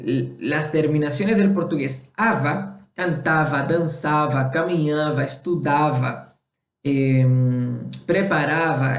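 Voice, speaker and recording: Slow, patient male Spanish teacher. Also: on the high side, echoey room. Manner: patient, repeats and checks in with the listener. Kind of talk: casual online Spanish lesson for Portuguese speakers.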